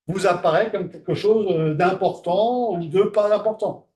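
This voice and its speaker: A man giving a classroom lecture, talking conversationally, asking the class questions and pausing on fillers. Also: sits high, a little mellow.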